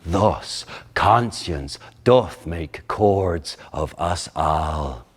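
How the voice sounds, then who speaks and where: A man's voice: low voice, animated, breathy edge, voice pushed down, exaggerated voice. A man playing a brooding young prince in a Shakespearean monologue, speaking in an original pronunciation accent. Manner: slow, measured, brooding. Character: brooding young male prince, torn by doubt.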